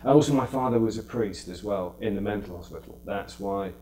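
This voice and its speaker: A middle-aged British comedian chatting as an interview guest, telling stories with quick acted-out asides. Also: male voice, fairly low pitch, mellow, slight background noise. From United Kingdom. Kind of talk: casual interview anecdotes.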